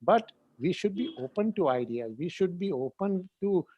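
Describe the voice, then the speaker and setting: A senior neurosurgeon, insistent and lecturing in a heated panel discussion, repeating phrases for emphasis. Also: male voice, sits high, lively intonation, normal speed, husky, no echo, highs cut off.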